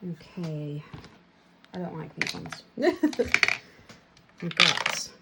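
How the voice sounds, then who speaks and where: Very slowly and in a sing-song, fairly low voice, a young British vlogger from the UK rambles casually while she counts and sorts cash, laughing at herself. The recording is very noisy.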